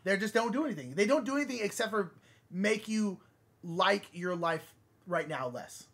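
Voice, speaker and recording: A man in his late twenties talks earnestly with his co-host on a live stream and gives his views with conviction. His voice is quite high for a man. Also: lively intonation, normal speed, fairly bright tone. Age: 20s. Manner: earnest, opinionated, reads chat aloud. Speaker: co-host of a board game stream. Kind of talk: casual live-stream chat.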